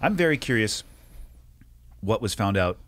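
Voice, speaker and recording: A man in his thirties hosts a casual podcast from a small curtained studio, talking into a boom mic. His voice moves through a wide, animated pitch range, and the sound is close and dry with no room echo. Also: a little slow. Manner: swears casually, lively delivery. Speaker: podcast host. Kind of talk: casual interview chat. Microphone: studio mic on boom arm, headphones.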